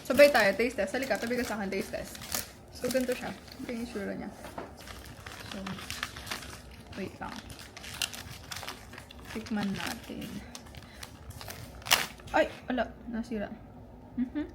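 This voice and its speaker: A young woman, chatting excitably to viewers in a casual travel vlog. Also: on the high side, unhurried, pauses often. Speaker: travel vlogger. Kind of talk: casual vlog chat to camera. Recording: loud background music and crowd noise.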